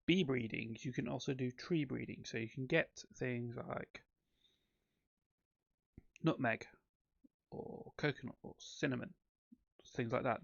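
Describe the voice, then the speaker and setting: A man's voice: mid-range voice, creaky, no room sound, highs cut off. A man giving casual, rambling commentary on his own gameplay, with frequent ums and self-corrections. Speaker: let's play host.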